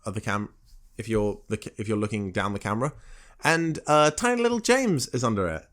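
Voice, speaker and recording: A man co-hosting a podcast in casual chat, talking haltingly with many fillers and restarts as he recaps a TV episode. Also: on the low side, animated, a bit bright. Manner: halting, filler-heavy, self-correcting. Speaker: podcast co-host.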